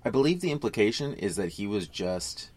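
Very low-voiced man explaining with wry asides. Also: sing-song, brisk, a little mellow, slightly rough, dry recording. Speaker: podcast co-host. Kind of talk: casual film-discussion chat.

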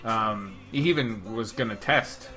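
Bright-voiced man, halting podcast chat. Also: fairly low pitch, soft background music. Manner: halting, rambling delivery. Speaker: podcast co-host. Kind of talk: casual movie discussion.

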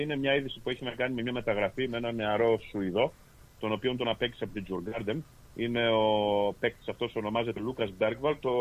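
A man hosting a sports podcast, reading league standings and chatting in a steady, methodical way with fillers and self-corrections. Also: medium pitch, poor audio. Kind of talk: reading sports results and casual chat. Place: lives in Australia.

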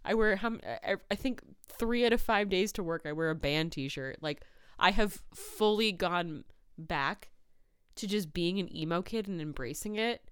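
A woman's voice: fairly low pitch, lively intonation, normal speed, smooth, no room sound, clean studio sound. A woman in her thirties co-hosting a casual chat, swearing freely, laughing often and telling stories with animation. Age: 30s. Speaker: podcast co-host. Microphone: no pop filter.

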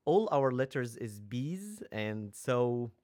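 A man's voice: mid-range voice, very animated, slow pace, a little mellow. Egyptian-accented man, hesitant and laughing. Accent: Egyptian Arabic. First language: Arabic. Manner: hesitant, many ums and restarts, laughs often. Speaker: seminary student guest. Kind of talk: casual interview chat.

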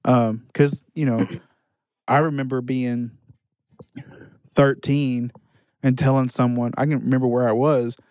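A man's voice: mid-range voice, flat delivery, a little slow, long pauses, darkish tone, no echo, studio quality. A man in his twenties chatting casually on a podcast, reflective and hesitant with many fillers. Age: 20s. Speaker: podcast co-host. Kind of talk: casual chat.

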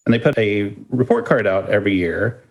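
Guy cohosting a baseball podcast, lowish voice, dry jokes, trips over his words. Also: lively intonation, gravelly. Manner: dry wisecracks, halting restarts. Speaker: podcast co-host. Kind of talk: casual baseball podcast chat.

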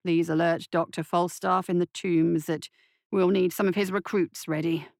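In a clean studio recording with no room sound, a woman voices a calm, sinister male surgeon for an audiobook. Her lowish, gravelly voice is pushed down, polite and soothing, with a measured, softly commanding manner and a composed mood.

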